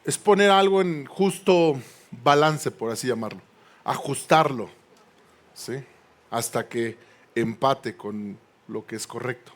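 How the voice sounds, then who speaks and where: A man's voice: mid-range voice, slow pace. A male pastor preaching a sermon in a church. He builds to emphatic peaks, prompts the congregation to respond, and makes playful asides. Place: church sanctuary.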